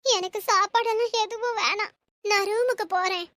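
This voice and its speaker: Cartoon: a crying, despairing middle-aged mother, high-pitched and dry. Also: steady tone, moderate pace, dry recording. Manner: tearful, despairing, quiet.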